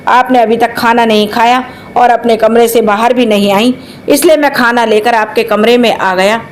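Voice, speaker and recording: A nervous, earnest young man explains himself politely in a spoken story, as a woman narrator reads his lines. The voice stays fairly high and lightly anxious throughout. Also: fairly even intonation, moderate pace, slight background noise, natural voice, low-quality recording.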